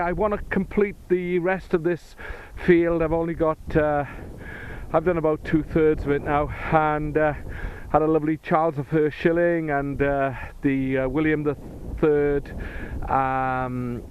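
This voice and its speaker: A man giving casual, hesitant field commentary as a metal detecting host, musing aloud outdoors. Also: fairly high pitch. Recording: muffled audio with outdoor background noise.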